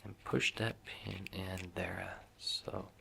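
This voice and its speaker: Very gravelly, low-voiced man in ASMR role-play. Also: steady tone, slow pace, slight background noise. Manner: softly spoken, reassuring customer-service patter. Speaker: watch shop salesman in an ASMR role-play.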